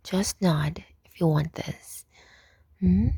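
A young woman whispering close to the mic in an intimate roleplay, soft, coaxing and dominant. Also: on the low side, slow, vocal fry, breathy edge, no room sound. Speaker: audio roleplay performer.

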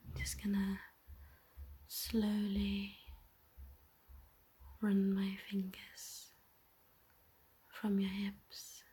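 A woman doing an intimate whispered role-play as a tender, teasing, dominant lover, speaking in a soft, breathy voice. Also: mid-range voice, completely flat delivery, extremely slow, pauses often. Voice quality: breathy, airy.

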